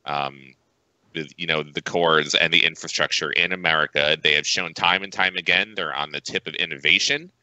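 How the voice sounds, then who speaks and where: A man co-hosting an esports talk show in casual panel chat, often talking with deadpan sarcasm. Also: extremely low pitch, normal speed, no echo, poor audio.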